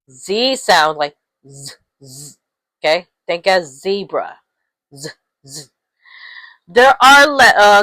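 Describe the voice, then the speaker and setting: A woman's voice: mid-range voice, pushed and bright, dry recording, poor audio. A young adult woman teaching English letter sounds, repeating each one patiently and checking in with "okay?". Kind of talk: slow instructional talk on letter sounds.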